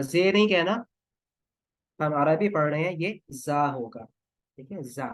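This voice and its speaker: A male teacher leads a grammar lesson at a slow, deliberate pace. He sounds down to earth and repeats words patiently for his class, with a slightly high voice. The recording is dry and close. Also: fairly bright tone, no echo.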